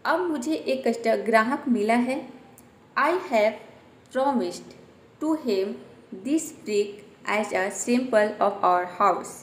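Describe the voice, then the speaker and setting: A woman teaching English word by word, slowly repeating each word with its meaning. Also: fairly high pitch, reverberant. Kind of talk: explaining English sentences word by word in Hindi.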